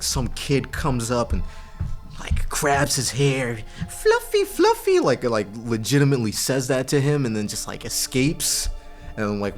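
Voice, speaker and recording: A man telling a spooky story in a casual, rambling, jokey way in a community TV studio, filling his talk with "like". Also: mid-range voice. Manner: rambling, lots of "like", animated and jokey.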